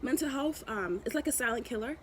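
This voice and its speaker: This woman, a YouTube vlogger, speaks fairly quickly in a slightly high voice with lively intonation, and background noise can be heard. She rambles affectionately through motivational chat, often restarting and saying things again.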